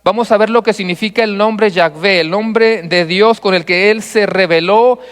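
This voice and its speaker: High, clear-voiced pastor preaching. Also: male voice, moderate pace, a bit bright. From Mexico. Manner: methodical, repeats points, asks congregation rhetorical questions. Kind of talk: expository sermon. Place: church sanctuary. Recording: long reverb of a church hall.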